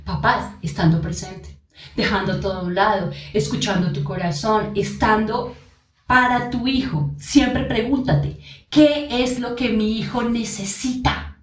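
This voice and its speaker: A woman's voice: mid-range voice, measured pace. A woman giving parenting advice in a podcast monologue. She speaks earnestly and straight to parents, and she repeats her key points. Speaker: parenting coach. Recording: echoey room, distant mic.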